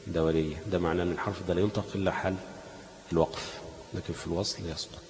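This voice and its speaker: A man's voice: sits low, steady tone, very fast, vocal fry, a little mellow, long reverb tail, a little hiss or hum, rough recording. A man with an Egyptian Arabic accent teaching a class on Quran recitation, asking leading questions that the students finish.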